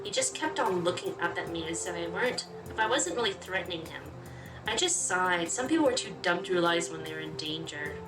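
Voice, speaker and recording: This woman has a fairly low voice with lively intonation and a brisk pace. She's a chatty, reactive player reading the game's story out loud and commenting along the way, let's play style. The sound is roomy and distant, with game music in the background.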